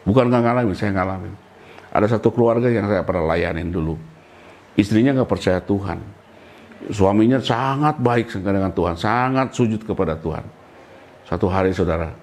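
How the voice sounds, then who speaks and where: A man's voice: deep voice, darkish tone, a little hiss or hum, rough recording. A middle-aged man preaching a sermon in a casual, colloquial way, often addressing his listeners directly and acting out the voices he quotes. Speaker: pastor.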